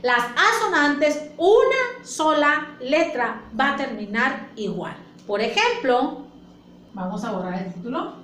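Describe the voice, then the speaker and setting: A woman teacher talks through a lesson at an unhurried pace, her high voice rising and falling a lot. She repeats herself and checks in with questions. The recording is echoey with faint ambience behind her. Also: big pitch swings, fairly bright tone, a little hiss or hum. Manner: patient, repeats points and asks the class questions. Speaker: primary school teacher. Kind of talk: classroom lesson explanation.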